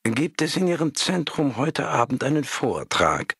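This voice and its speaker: An impatient woman on the phone keeps demanding to know what she must pay, as a male reader puts her on. She talks in a high, insistent, pressing voice. The recording is dry and close. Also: big pitch swings, a little slow, gravelly, slightly rough, dry recording, heavily acted. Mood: curious. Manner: insistent, increasingly shouting. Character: pushy, impatient woman caller demanding a price. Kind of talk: scripted narration.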